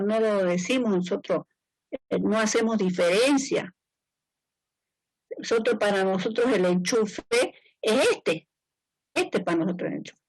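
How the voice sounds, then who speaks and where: A woman's voice: medium pitch, breathy edge, dry recording, rough recording. Woman teacher, repetitive check-ins. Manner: repeats points and checks in with the students; informal, conversational explaining. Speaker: engineering teacher. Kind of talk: classroom lecture.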